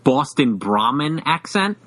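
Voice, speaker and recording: Man, podcast co-host, casual chat, halting, filler-heavy, middle pitch. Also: very animated, a bit bright, rough recording. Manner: halting, many fillers and restarts, laughs often.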